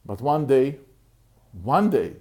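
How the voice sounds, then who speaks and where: A middle-aged man from Israel, a motivational speaker telling his personal life story to the camera in an earnest, halting way, often repeating and restarting phrases. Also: mid-range voice, big pitch swings, darkish tone.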